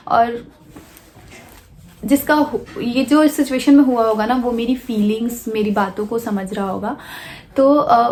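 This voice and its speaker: A woman vlogger telling a personal story in a soft, hesitant way, pausing often with fillers and restarts. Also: a little high, a little hiss or hum. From India.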